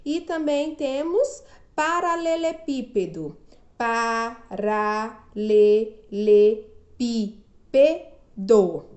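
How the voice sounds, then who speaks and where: A woman's voice: fairly high pitch, animated, a little mellow. Brazilian teacher lady drawing out every word for kids, echoey room. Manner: slow, drawn-out syllables, frequent "não é mesmo?". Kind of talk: remote class lesson for children.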